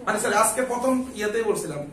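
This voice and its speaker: A man's voice: sits high, lively intonation, rapid-fire, a bit bright, roomy sound, distant mic, poor audio. A man tutoring a live English class, coaxing his students and repeating his questions back to them.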